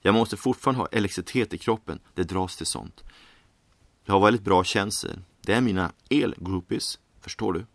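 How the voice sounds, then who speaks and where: A man voicing an eccentric male inventor in a read-aloud story, warm and confiding, with a vague Eastern European and American lilt. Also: lowish voice, creaky, dry recording. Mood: enthusiastic. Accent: faint, vague Eastern European and American.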